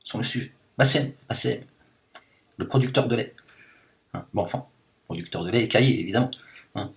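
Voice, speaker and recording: In a satirical monologue, a man voices a self-declared liberated woman, ranting indignantly in a rambling, filler-packed, mock-indignant way. His voice is fairly low with vocal fry, and he speaks at a moderate pace.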